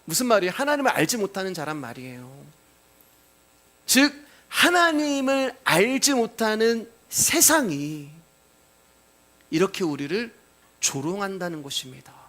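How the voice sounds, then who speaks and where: A male pastor delivers a sermon, walking through scripture and putting rhetorical questions to his congregation. His voice sits high for a man. He explains the text plainly and cues each reading aloud. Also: expressive, measured pace, pushed and bright.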